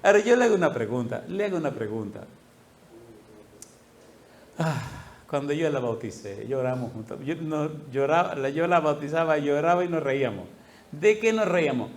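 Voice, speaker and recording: A male pastor preaching a sermon, telling a story with lively laughter and acted-out voices. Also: on the high side, moderate pace. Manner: animated, laughing, acting out quoted voices.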